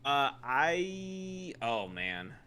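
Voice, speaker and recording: Bright-voiced American man chatting sports. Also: mid-range voice, very animated, extremely slow. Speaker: sports podcast co-host. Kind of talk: casual sports chat.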